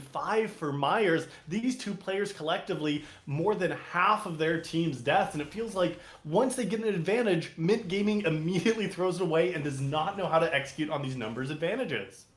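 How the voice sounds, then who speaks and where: Dude breaking down esports plays, kinda high voice, roomy echo around him. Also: male voice. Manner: analytical, critical of team decisions. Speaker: esports caster. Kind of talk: color commentary.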